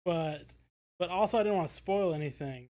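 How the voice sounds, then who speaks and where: A fairly high, slightly mellow male voice speaks at normal speed. The speaker is an American podcast co-host in casual discussion, circling hesitantly as he thinks aloud.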